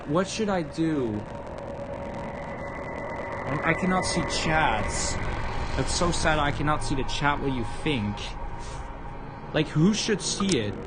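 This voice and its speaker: On a game livestream, a man with a fairly high voice reads visual novel text aloud and comments on it, stumbling over words. Loud music plays underneath, making the background noisy.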